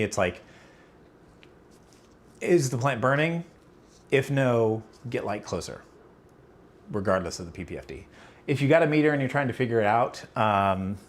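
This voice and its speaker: Rambling low-voiced man. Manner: rambling, filler-heavy, self-correcting. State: allergies, about to sneeze. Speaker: livestream host answering chat. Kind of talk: casual livestream Q&A.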